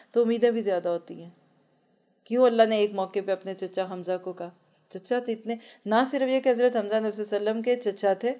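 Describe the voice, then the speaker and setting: A woman's voice: medium pitch, mellow. Earnest woman teaching a scripture lesson. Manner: earnest explaining with rhetorical questions; slows right down to recite Arabic verses. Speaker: Quran teacher. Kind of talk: Quran lesson to women. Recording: dull lo-fi recording.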